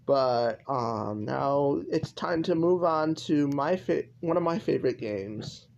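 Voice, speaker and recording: A man's voice: fairly high pitch, lively intonation, takes it slowly, vocal fry, darkish tone, highs cut off, a little hiss or hum. A young man giving casual, rambling commentary over gameplay as a YouTuber, full of fillers and restarts. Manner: rambling, lots of likes and restarts. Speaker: gaming YouTuber.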